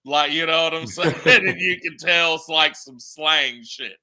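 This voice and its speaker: A man's voice: on the high side, a little slow, sharp tone. A man co-hosting a casual podcast, laid-back and slangy, always adding "you know what I'm saying". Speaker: podcast co-host.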